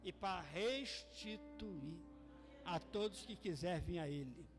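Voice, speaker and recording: A man with a high voice and a Brazilian Portuguese accent preaches fervently, jumping from shouted peaks to hushed asides. His sermon rings with a long reverb through a church hall, over faint music. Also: slow pace. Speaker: pastor. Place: church hall during a service.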